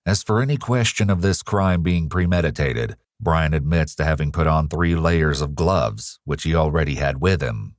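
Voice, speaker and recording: A man delivering scripted documentary narration in a measured, grave way. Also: extremely low pitch, no room sound, clean studio sound. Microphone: studio voice-over.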